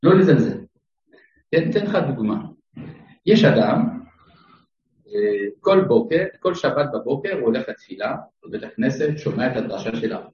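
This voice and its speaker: Rabbi teaching with lively, animated intonation. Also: male voice, mid-range voice, long pauses. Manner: questions the listeners directly, with dry humorous asides. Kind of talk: Torah lesson to a live audience. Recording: echoey room, mic far off, dull sound.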